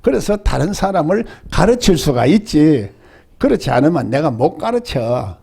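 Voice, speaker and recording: A man's voice: fairly high pitch, sing-song, normal speed, creaky, mellow, breathy edge. An older male pastor with a Gyeongsang Korean accent, preaching a sermon and often asking the congregation rhetorical questions.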